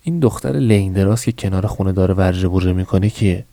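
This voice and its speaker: A man's voice: deep voice, vocal fry, mellow, no echo. A man voicing a morbid, doting middle-aged shopkeeper mother in an audiobook reading, with a scolding, matter-of-fact manner. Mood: quizzing.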